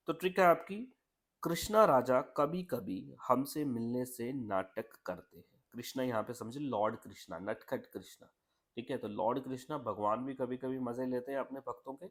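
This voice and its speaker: A man's voice: medium pitch, fairly bright tone. A man teaching an exam lesson in a chatty, repetitive way, mixing English words into Hindi. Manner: chatty, repeats "ठीक है" often.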